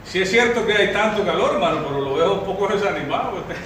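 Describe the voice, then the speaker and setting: Male pastor, Central American Spanish accent, very high voice, fervent exhorting sermon, heard from afar in a very echoey hall. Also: expressive, quick pace, distant mic. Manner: exhorting, rising to shouts. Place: church hall. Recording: very echoey hall, mic from afar, faint rumble.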